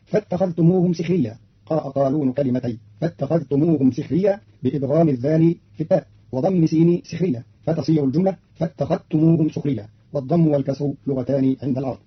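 Male radio presenter, formal explanatory delivery, slightly high voice, muffled archive recording. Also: slightly rough. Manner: formal, explanatory, quotes verses in a slower voice. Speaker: radio announcer explaining recitation variants. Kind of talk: formal scripted radio commentary.

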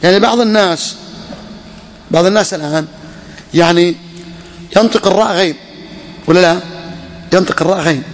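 A man's voice: sits high, brisk, pauses often. A man teaching a class on a legal text, questioning his students and repeating key phrases. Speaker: religious teacher. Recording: echoey hall.

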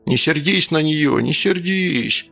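A male narrator plays a sly stepfather soothing in a falsely gentle tone, a little higher than normal. His voice is gravelly, with faint music beneath. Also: animated, moderate pace, heavily acted. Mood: coaxing.

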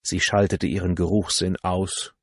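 A man narrating an audiobook in a calm, measured reading. His voice sits very low with a gravelly, husky edge, and the recording is close and dry. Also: no room sound. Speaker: audiobook reader. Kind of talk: scripted novel narration.

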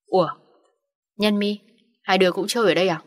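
A woman's voice: mid-range voice, steady tone, a little fast, long reverb tail, natural voice. A woman voicing a young man who speaks curtly and gives orders in an audiobook story. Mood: breezy. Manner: curt, commanding. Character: young man, curt and irritated.

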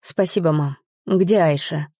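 A woman reading the lines of a young man, a tender, guilt-ridden lover, in a soft, pleading, earnest way. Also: sits low, a little slow, slightly rough, no room sound, clean studio sound. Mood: flat.

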